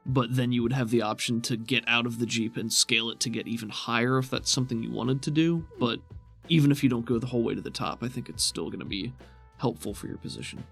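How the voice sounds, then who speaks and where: Speaking in a middling pitch that's creaky and a bit bright, a man acts as game master of a tabletop roleplaying game. He describes scenes and works through rulings in a conversational way.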